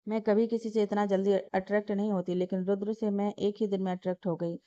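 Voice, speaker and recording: Woman doing a heartbroken young woman, soft tearful pleading, storybook reading, lo-fi. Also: mid-range voice, flat delivery, quick pace, no echo, close to an everyday voice. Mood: longing. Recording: dull lo-fi dry recording.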